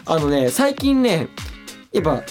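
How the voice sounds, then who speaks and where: Young male radio co-host, lively chatty delivery, studio with soft music bed. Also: on the high side, measured pace. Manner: chatty, laughing, rambling. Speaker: radio show co-host reading listener letters. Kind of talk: casual radio chat.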